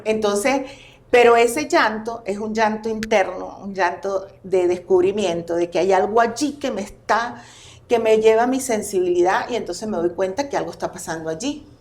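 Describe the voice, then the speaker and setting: A woman's voice: mid-range voice, moderate pace. A woman, a therapist talking animatedly as a podcast guest. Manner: expressive, animated storytelling. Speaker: family constellations therapist, guest. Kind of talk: casual podcast conversation. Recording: roomy echo.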